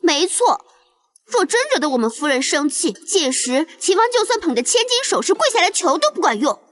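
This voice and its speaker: Brief: a snide, sharp-tongued maid, high, lively voice. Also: female voice, brisk, exaggerated voice. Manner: snide, siding with her mistress.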